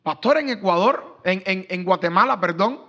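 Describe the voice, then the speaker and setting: Middle-aged man, pastor, high and bright, storytelling panelist who acts out dialogue. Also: animated, moderate pace, highs cut off. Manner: acts out quoted dialogue in his stories.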